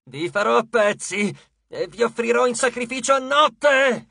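A man voicing a vengeful female goddess of misery who growls slow, drawn-out threats in an audiobook. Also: very high-pitched, lively intonation, creaky, pushed and bright, dry recording, studio quality, pitched above the performer's own voice, exaggerated voice. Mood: menacing.

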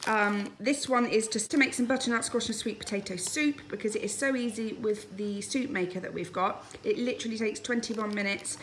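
Speaking fairly quickly and rarely pausing, a woman of medium pitch narrates her grocery haul for a casual home vlog. She's a British family vlogger in her thirties from the United Kingdom, recording indoors in her dining room with slight background noise.

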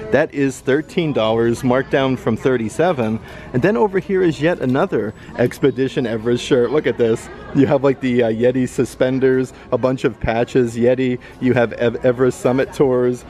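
An upbeat man talks his way casually through a store, chatty and full of little fillers. His voice sits at a middling pitch, picked up by a handheld camera indoors. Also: a little mellow. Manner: upbeat, lists prices, many fillers like "uh" and "like". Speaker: vlogger. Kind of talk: casual shopping walkthrough narration.

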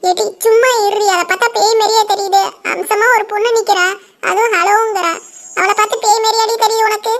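A woman's voice: extremely high pitch, fairly even intonation, brisk. A woman voicing a bossy, scolding old village mother-in-law in a cartoon. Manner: bossy, scolding, sharp commands. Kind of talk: cartoon voice acting. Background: background music.

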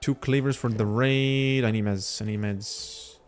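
Man, gaming livestreamer, chatty, thinks out loud, faint music underneath. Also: mid-range voice, fairly even intonation, unhurried. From Lithuania. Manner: chatty, thinking aloud, talks to chat. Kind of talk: casual gameplay commentary.

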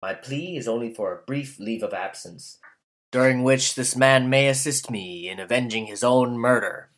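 A man's voice: medium pitch, moderate pace, natural voice. A man reading as an old man pleading for vengeance. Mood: imploring. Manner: impassioned pleading oratory. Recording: roomy echo.

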